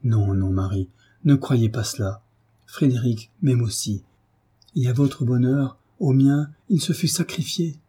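A grieving lover at a deathbed, earnest and anguished, read by a man. The voice is very dark with a breathy, husky edge. It is read as part of an audiobook. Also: medium pitch, a little slow. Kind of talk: audiobook reading.

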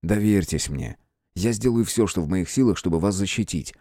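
A man reading an audiobook, voicing a calm, formal gentleman detective with measured, courteous speech. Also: low-pitched, no echo, clean studio sound. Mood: firm. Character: calm, firm gentleman detective of old times.

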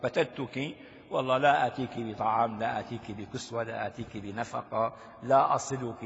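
An older man teaching a classical text as a sheikh, explaining slowly and quizzing his listeners with rhetorical questions. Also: mid-range voice, gravelly. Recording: lo-fi recording with long reverb in a hall.

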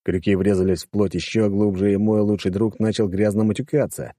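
A man's voice: on the low side, level tone, brisk, warm tone, dry recording, clean studio sound. A man reading a first-person audiobook in a casual, crude, wisecracking manner. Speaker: audiobook narrator.

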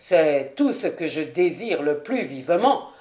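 Woman reading a lowered, weary official husband, placating and measured, storybook; roomy sound. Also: very animated, a little mellow. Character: cautious middle-aged nobleman, a weary high official. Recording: roomy home recording.

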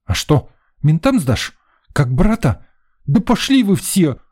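A man's voice: fairly high pitch, animated, normal speed, slightly rough, pitched above the performer's own voice. A man voicing a defiant tearful boy. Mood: bitter. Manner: sniffling, shouting at a whisper.

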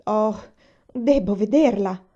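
An intense young man in love, voiced by a woman narrator in a storybook, pressing and clipped. The tone is warm and mellow, on a muffled, lo-fi recording. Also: medium pitch, takes it slowly. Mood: urgent. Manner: urgent, then cool and curt.

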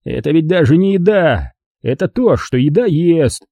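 A man's voice: on the high side, expressive, moderate pace, warm tone, no echo, voice pushed up. A man voicing a tactless, brash man who mocks those around him with smug jokes. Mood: mocking. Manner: smug, mocking.

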